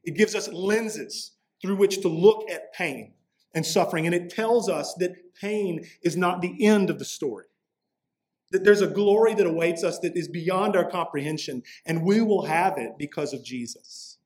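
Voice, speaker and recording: A man's voice: high-pitched, normal speed, darkish tone. A man preaching a sermon as pastor, earnest and emphatic.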